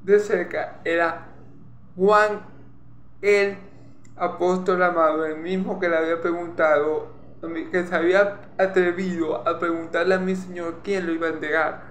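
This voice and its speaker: High-voiced Venezuelan preacher from Maracaibo. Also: male voice, fairly even intonation, measured pace. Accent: Maracaibo Venezuelan Spanish. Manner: explanatory, repeats phrases, asks "¿ok?". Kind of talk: Bible teaching sermon. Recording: echoey room with faint ambient noise.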